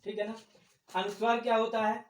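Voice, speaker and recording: A man's voice: high-pitched, flat delivery, brisk, recorded from a distance. A man teaching Hindi grammar. He explains step by step, repeats the key terms and keeps asking questions that he answers himself. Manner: asks the class questions and answers them himself. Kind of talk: classroom-style lesson. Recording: echoey room, voice off-mic.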